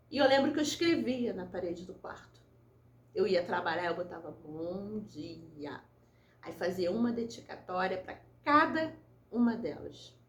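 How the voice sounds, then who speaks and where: A woman's voice: medium pitch, reverberant. A woman giving an emotional personal testimony about her faith and family, quoting her own prayers as she tells it. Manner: emotional, earnest storytelling with quoted prayers. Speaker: speaker sharing a faith testimony.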